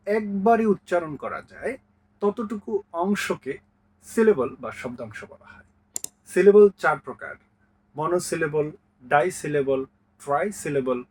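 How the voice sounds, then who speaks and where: A man teaching a grammar lesson, counting out syllables one by one in a slow, clear way. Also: on the high side, rough recording.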